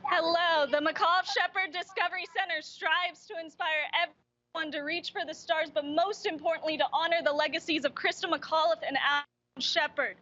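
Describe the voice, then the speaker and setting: A woman's voice: extremely high pitch, fairly even intonation, moderate pace, sharp tone. A woman representing a science center, delivering a scripted, formal speech at an event. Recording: dull, band-limited event audio feed.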